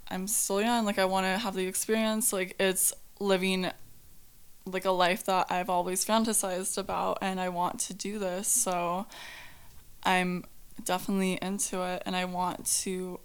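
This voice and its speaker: A woman's voice: mid-range voice, flat delivery, moderate pace, clear, resonant tone. A woman in her twenties from Montana, a guest chatting casually in an interview, giggling and filling her speech with "like". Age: 20s.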